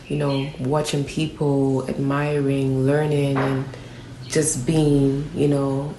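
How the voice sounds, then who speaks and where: A young woman from Nigeria, a rapper, speaks in a deep, flat, gravelly voice. She answers steadily and thoughtfully, pressing harder when she states an opinion. The room is echoey, with a faint hum of ambience behind her. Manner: reflective, steady, grows emphatic on strong opinions. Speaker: rapper interviewed as guest. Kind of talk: relaxed interview answers. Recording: roomy echo with faint background ambience.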